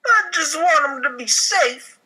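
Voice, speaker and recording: A man's voice: expressive, a little slow, bright, forceful tone, exaggerated voice. A man voicing an anxious young male waiter who frets and tears up, in a comedic table read. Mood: tearful. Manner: high, wavering and tearful.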